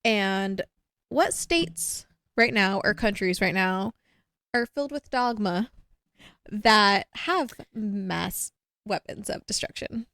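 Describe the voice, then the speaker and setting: A woman's voice: medium pitch, lively intonation, slow, bright, forceful tone, dry recording. Rambling woman podcaster, dry close sound. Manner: rambling, filler-heavy, self-deprecating. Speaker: podcast co-host. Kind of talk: casual chat.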